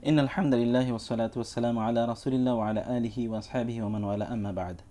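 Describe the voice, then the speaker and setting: A man, an Islamic scholar, giving measured, teacherly answers on a live television question-and-answer show, weaving in Arabic quotations. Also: mid-range voice, steady tone, mellow. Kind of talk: explanatory religious talk. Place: television studio.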